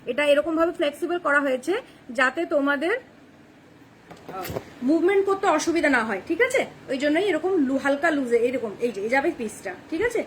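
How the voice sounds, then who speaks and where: Fast-talking high-voiced young woman. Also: lively intonation, slight background noise. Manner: fast, chatty, keeps checking "ঠিক আছে?". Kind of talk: live-stream sales pitch. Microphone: phone camera.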